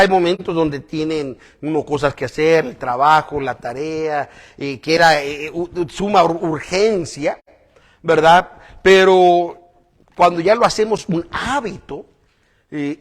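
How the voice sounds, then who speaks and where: A man preaching a conversational sermon to a congregation, often checking in with "¿verdad?" and swinging between loud emphatic lines and quiet asides. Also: high-pitched.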